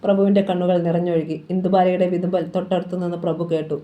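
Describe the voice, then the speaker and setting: A woman's voice: on the low side, fairly even intonation, quick pace, mellow, lo-fi sound. A woman reading a crime thriller novel aloud as scripted narration, with a dramatic delivery. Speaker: novel reader.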